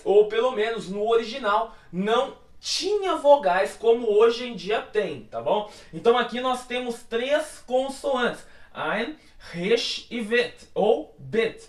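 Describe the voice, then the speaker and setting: A man's voice: sits high, far from the mic. A Brazilian man, a pastor, explaining Bible words in a teaching style. He poses questions to himself and answers them, with frequent checking tags. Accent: Brazilian Portuguese. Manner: explanatory, asks and answers his own questions. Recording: echoey room, voice off-mic.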